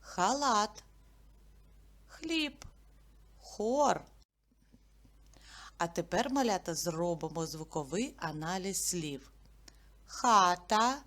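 A woman leads a reading lesson for small children. She speaks very slowly, stretching out each sound and syllable with careful enunciation. She keeps asking the children simple questions. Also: fairly low pitch. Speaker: teacher.

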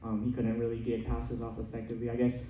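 A man's voice: medium pitch, completely flat delivery, fast, dark tone. A man, a reporter, asking a long winding question at a press conference. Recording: roomy, distant, faint noise.

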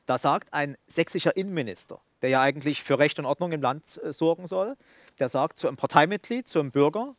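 Slightly high-voiced talk-show host. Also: male voice, animated, fast talker, dry recording. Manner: commenting and leading to the next topic, with fillers.

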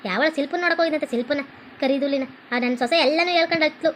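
A sharp-tongued village mother-in-law who rattles off her scolding at speed in a high voice, acted by a woman. She speaks with a North Karnataka Kannada accent, and faint room ambience sits behind her. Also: fast talker, a little hiss or hum. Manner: scolding, nagging.

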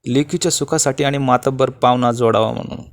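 A man's voice: mid-range voice, fairly even intonation, a little fast, natural voice. Man playing a meek pleading old father. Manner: soft, pleading, subdued. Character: frightened older village father, pleading and meek.

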